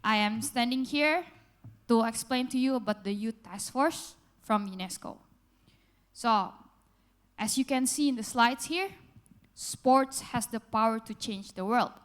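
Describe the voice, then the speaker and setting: A woman's voice: on the high side, unhurried. A young woman from Indonesia, an English speaker, tells a personal story on stage to a festival audience in simple, earnest phrasing. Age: young adult. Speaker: youth panel speaker. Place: large hall at a festival, on stage.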